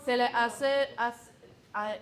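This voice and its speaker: A woman's voice: a little high, fairly even intonation, takes it slowly, a bit bright. A young woman, a student, asking the panel a hesitant question and slipping in English words.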